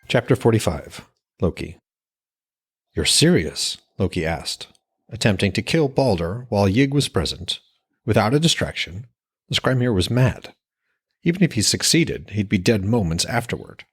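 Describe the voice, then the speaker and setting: A man with a fairly low, husky voice hosts a fiction podcast, reading his own fantasy novel aloud. His scripted narration is very animated and moves at a normal speed.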